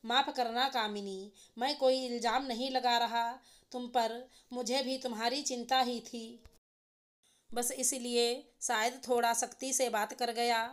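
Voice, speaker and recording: A woman's voice: a little high, steady tone, unhurried, natural voice. A woman voicing a young husband who questions his wife curtly, then talks things through. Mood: pleading. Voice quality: curt, demanding. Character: worried, stern young husband.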